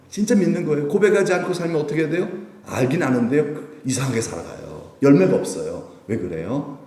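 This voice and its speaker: A pastor delivers a Friday night sermon with a lively, swinging voice, asking questions of his listeners and acting out quotes. The sound is roomy and echoing, and he is heard from a distance, away from the microphone. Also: medium pitch. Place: church sanctuary. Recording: echoey room, voice from a distance.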